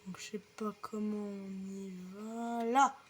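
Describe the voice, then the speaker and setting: A woman's voice: medium pitch, level tone, takes it slowly. A young woman casually commenting on her gameplay, chatty and explaining each step to viewers with the odd light swear. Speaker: gaming video creator.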